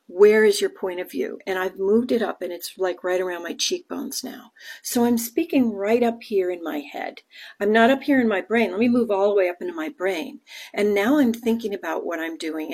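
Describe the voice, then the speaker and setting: A woman in a close phone-camera video gently teaches her audience to move their speaking energy around the body. Her voice is airy and a little husky, sitting at an ordinary middle pitch. She talks in a calm, guiding way while demonstrating each shift. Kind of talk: explanatory social media video reply.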